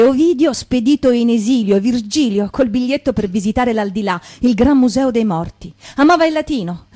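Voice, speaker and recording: Mellow-voiced woman reading prose. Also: on the high side, no room sound, studio quality. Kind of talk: dramatic reading of literary prose.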